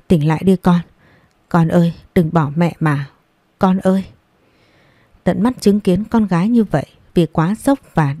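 Low mellow woman narrating a story. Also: no room sound. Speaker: audiobook narrator. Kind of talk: scripted narration of a romance story.

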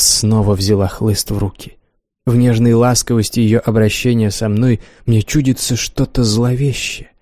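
A man narrates a novel in the first person, reading expressively and with feeling. His voice is mellow and warm, never sharp. The recording is dry and close, with no room sound. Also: medium pitch, no echo. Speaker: audiobook narrator.

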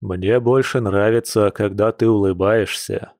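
Guy doing a lowish gruff bear man, protective, cusses, hisses when mad, dry close sound. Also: steady tone, a little slow, a little mellow, no room sound. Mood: tender resolve. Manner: gruff, intense, with low hissed anger. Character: protective man bear shapeshifter, hot-tempered, swearing. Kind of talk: audiobook character reading.

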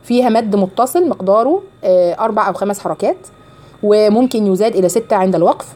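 Mellow Egyptian woman teaching recitation. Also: mid-range voice, lively intonation, fast talker, faint music behind. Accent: Egyptian Arabic. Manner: patiently correcting and explaining pronunciation. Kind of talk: one-on-one tajweed lesson.

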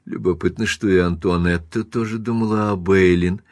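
A man reading a classic novel aloud as audiobook narrator, even and measured. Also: low-pitched, dry recording. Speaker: audiobook reader.

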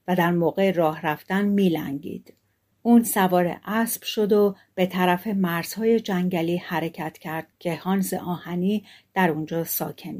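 Calm woman reading a fairy tale. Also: mid-range voice. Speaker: audiobook narrator. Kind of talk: scripted fairy tale narration.

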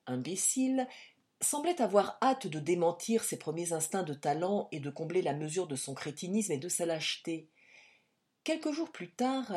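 Woman, audiobook reader, low voice, measured, expressive narration. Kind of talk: scripted narration.

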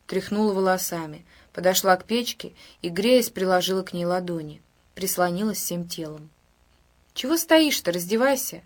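A woman reads a novel aloud in a calm, even storytelling voice. Her pitch sits in the middle range. She narrates steadily, in a scripted way. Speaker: audiobook reader.

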